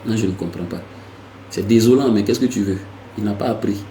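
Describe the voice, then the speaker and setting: A man hosting a casual language lesson, lively and repetitive, with playful asides. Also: lowish voice, fairly quick, reverberant, a little hiss or hum, rough recording. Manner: lively, repeats words, slips into playful asides. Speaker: language teacher hosting a segment.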